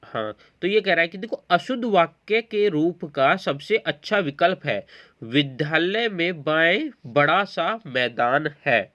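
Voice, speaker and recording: At a measured pace, a man with a slightly high, sharp, animated voice teaches an exam-prep lesson. He explains the quiz questions and checks in with learners often.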